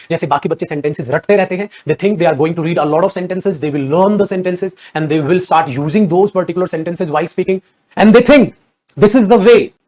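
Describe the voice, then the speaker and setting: High-voiced Indian man teaching English. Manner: animated, coaxing, mixes English lines into explanations. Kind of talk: online class lecture.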